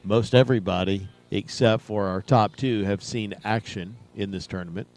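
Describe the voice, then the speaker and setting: A man's voice: fairly low pitch, normal speed, darkish tone. Male baseball broadcast commentator, conversational. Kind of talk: live sports commentary, conversational. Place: at a baseball ballpark.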